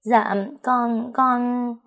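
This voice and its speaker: A woman's voice: on the high side, flat delivery, extremely slow, creaky, fairly bright tone, pitched above the performer's own voice, heavily acted. A woman voicing a young, timid servant girl who stammers and pleads. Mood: pleading.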